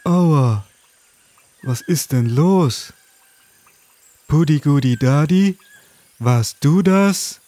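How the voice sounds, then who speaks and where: A woman's voice: low voice, lively intonation, extremely slow, long pauses, warm tone, heavily acted. A woman voicing a sleepy, easygoing male sloth in a children's story, drawling and stammering. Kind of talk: storybook voice acting.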